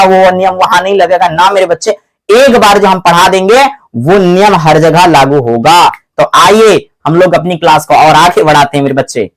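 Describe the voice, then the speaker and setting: A man's voice: high-pitched, poor audio. A man teaching English grammar in a video lesson, who keeps asking his viewers questions and answering them himself, calling them his children. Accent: Hindi-speaking North Indian. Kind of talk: classroom-style video lesson.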